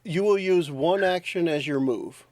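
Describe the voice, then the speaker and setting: A man running a tabletop game as game master, calmly explaining rules and scenes. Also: a little high, unhurried, slight background noise.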